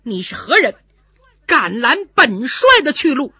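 A woman's voice: sits high, very animated, unhurried, bright, forceful tone, husky, no room sound, heavily acted. A woman doing a blustering hot-tempered general. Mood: angry. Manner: blustering, threatening. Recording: dull lo-fi recording.

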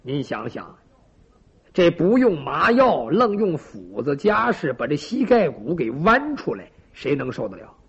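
A man's voice: a little high, sing-song, measured pace, fairly bright tone, husky. A man telling a traditional story dramatically, with sound effects and asides to listeners, in a lo-fi recording. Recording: lo-fi dull recording.

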